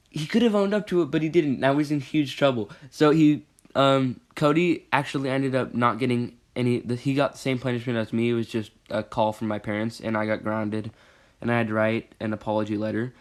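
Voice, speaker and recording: Teen guy storyteller, casual vlog, rambling delivery, gets worked up. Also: medium pitch. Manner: rambling, self-correcting, rising to agitated emphasis.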